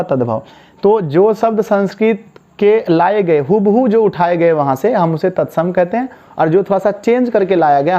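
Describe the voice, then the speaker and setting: A man's voice: high voice, mellow. A man teaching a Hindi grammar class online, drilling students with call-and-response repetition and answering his own questions. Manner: casual, asks rhetorical questions and answers them. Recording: dull lo-fi recording.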